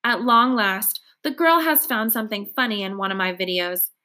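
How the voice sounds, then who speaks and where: A woman reading a novel aloud with expressive storytelling. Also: mid-range voice, normal speed. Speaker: audiobook reader.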